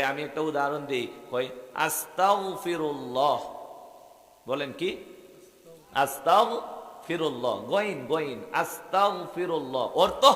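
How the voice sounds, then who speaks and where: Man, Bangladeshi accent, preacher, waz sermon, rousing, call-and-response, fairly high voice, roomy PA echo. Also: bright, forceful tone. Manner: rhythmic, rousing, calls questions out to the crowd. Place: religious gathering. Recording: echoey open-air mahfil with long reverb.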